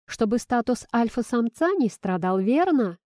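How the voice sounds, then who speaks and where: A woman's voice: on the high side, big pitch swings, measured pace, dry recording, clean studio sound, voice pushed up. A woman voicing a defiant, hot-tempered young woman. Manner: sharp, defiant and indignant.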